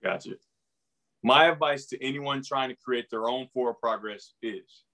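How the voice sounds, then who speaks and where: A man's voice: medium pitch, normal speed, sharp tone. A man hosting a casual sports interview, informal and affirming, repeating himself for emphasis. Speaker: podcast host.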